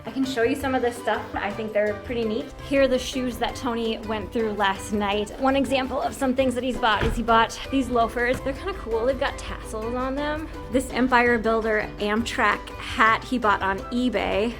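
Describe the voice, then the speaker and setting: A woman's voice: on the high side, steady tone, normal speed, hardly any pauses, over music. A woman hosting a personal vlog, talking in a casual, chatty way. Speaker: vlog host.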